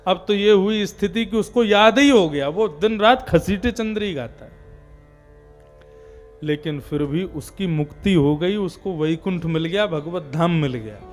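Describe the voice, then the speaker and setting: High-voiced man giving a devotional discourse. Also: unhurried, soft background music. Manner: animated, breaks into sung chanting examples. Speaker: katha preacher.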